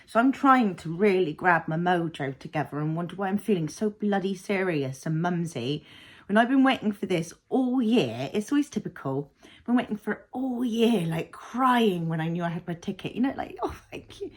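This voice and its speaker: A woman talks in a fairly low voice. She rambles thoughtfully in a casual vlog, leaning on fillers as she works through her feelings. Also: lively intonation, moderate pace. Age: 30s. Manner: rambling, reflective, filler-heavy. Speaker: vlogger, mother.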